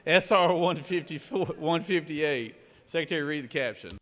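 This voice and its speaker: A man presiding over a legislature, moving through formal procedure with informal, drawn-out phrasing. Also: on the high side, a bit bright. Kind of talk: formal parliamentary procedure with offhand asides. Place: large indoor Senate chamber. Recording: echoey legislative chamber, long reverb.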